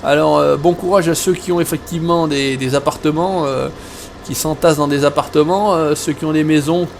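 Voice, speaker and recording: A man's voice: on the high side, fairly even intonation, fairly quick, vocal fry, a little hiss or hum. Chatty man rambling over a farming game. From Savoie, France. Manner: rambling, joking, many fillers and restarts. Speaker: gaming video host. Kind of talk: casual let's-play chat. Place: at home.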